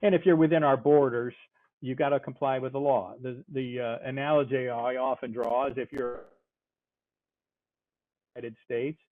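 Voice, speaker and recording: An older man giving a measured, explanatory talk on constitutional law over a call, pausing often with fillers. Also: mid-range voice, fairly even intonation, dry recording. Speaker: speaker, constitutional law scholar. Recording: tinny phone-like call audio.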